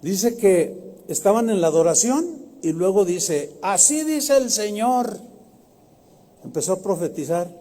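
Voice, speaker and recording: A man's voice: high voice, dark tone, breathy edge, big-room sound. A Mexican pastor preaching a sermon in a conversational storytelling manner, often checking that his listeners agree.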